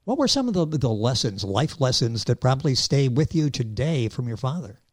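A man's voice: mid-range voice, big pitch swings, moderate pace, no room sound. A man hosting a radio interview in a conversational style on a close studio mic.

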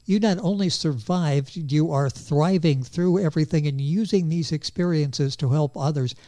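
A man hosting an interview program, introducing his guest in a polished manner and spelling details out slowly. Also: a little high, warm tone. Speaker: radio show host.

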